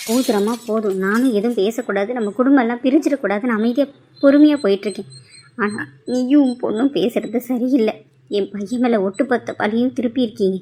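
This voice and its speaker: A woman's voice: on the high side, fast talker, warm tone, lightly acted. A woman voicing a middle-aged aunt who insists her son is innocent. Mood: pleading. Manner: pleading, insistent.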